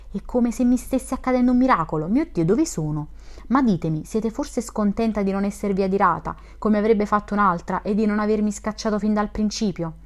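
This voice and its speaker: A woman's voice: medium pitch, darkish tone, natural voice. A woman reading the part of a shy, effusive young male dreamer in a classic novel, in an earnest, gushing manner. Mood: overjoyed.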